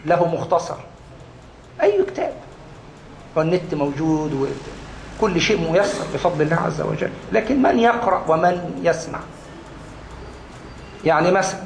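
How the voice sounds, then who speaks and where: A man with an Egyptian Arabic accent giving a religious lesson to a class, repeating key words for emphasis and answering his own questions. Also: fairly high pitch. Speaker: Islamic studies lecturer. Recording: echoey room, faint background noise.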